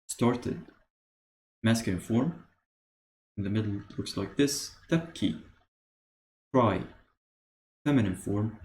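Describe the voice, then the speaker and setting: Slow, patient male language teacher. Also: lowish voice, darkish tone, a little hiss or hum. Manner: slow, patient explanation with frequent "uh" pauses. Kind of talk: beginner language lesson.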